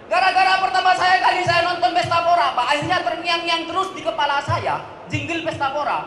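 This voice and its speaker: Male stand-up comic on stage, high bright voice, echoey venue with a crowd. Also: fairly even intonation, brisk, faint music behind. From Madura. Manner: addresses the audience as "Pak", sings jokey snippets. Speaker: stand-up comedian. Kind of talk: stand-up comedy set. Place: large hall with a live audience. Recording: echoey hall, crowd noise.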